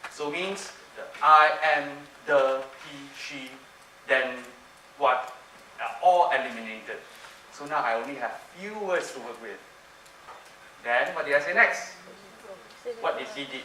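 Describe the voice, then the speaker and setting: In a mid-range voice with lively intonation and a sharp tone, the man speaks unhurriedly, leaving long pauses as he performs a mind-reading trick on stage. He coaxes the audience and repeats phrases, captured by a distant mic in a roomy hall with background noise, laughter and ambience.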